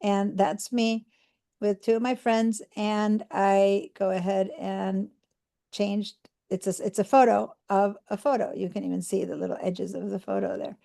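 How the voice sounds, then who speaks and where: A woman from Argentina leads a live online computer class in a medium-pitched, mellow voice with vocal fry, keeping a flat delivery and measured pace. She patiently walks students through each step, checks in with them, and uses fillers as she explains.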